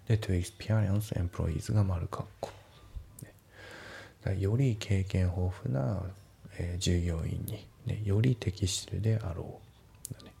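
Man, English teacher, dark raspy voice, gravelly, trailing whispers. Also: low-pitched, slight background noise. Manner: explanatory, trailing off to a near whisper at sentence ends. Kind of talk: grammar and pronunciation lesson.

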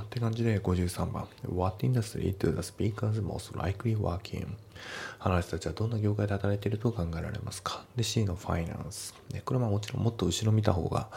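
A man teaching an English test lesson in Japanese, taking sentences apart step by step and slowly modelling English lines. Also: lowish voice, vocal fry, warm tone, slight background noise. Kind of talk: TOEIC lesson walkthrough.

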